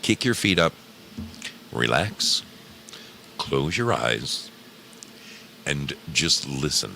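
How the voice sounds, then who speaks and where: A man's voice: extremely low pitch, sing-song, gravelly, sharp tone, a little hiss or hum. A man hosting a radio-style livestream, coaxing listeners intimately as if right in their ear, drawing out and repeating his phrases. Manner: drawn-out, repeats phrases for effect. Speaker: host of an old time radio programme livestream. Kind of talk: casual livestream chat, easing listeners into a story. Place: garage with a heater running.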